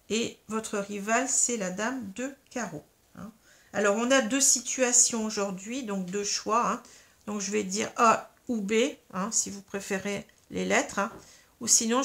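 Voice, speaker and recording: A woman talks her viewers through a tarot spread in an unhurried, patient way. She explains every step, often dropping in small fillers as she lays out cards and stones. Her voice sits at an ordinary middle pitch. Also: a bit bright. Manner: patient, explains step by step, frequent "hein" and "euh". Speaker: tarot card reader. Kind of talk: guided tarot reading to camera.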